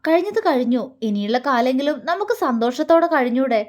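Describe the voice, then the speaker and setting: A woman's voice: high voice, animated, brisk. A woman voicing a tender, devoted young husband. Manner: soft, earnest, gently teasing.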